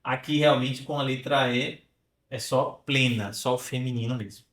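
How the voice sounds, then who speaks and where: A man's voice: mid-range voice, steady tone, a bit bright, reverberant. A man teaching French pronunciation, drilling sounds and checking in with "né?" and "tá?". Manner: explanatory, drills sounds slowly, frequent "né?" and "tá?" check-ins. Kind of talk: online pronunciation lesson.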